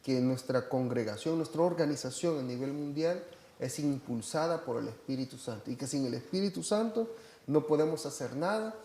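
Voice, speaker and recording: Fairly high-pitched and mellow, a Salvadoran man speaks at a moderate pace, recounting a church trip to someone in casual conversation. He's a church member with a hesitant style full of fillers and restarts, and the reverberant recording carries slight background noise.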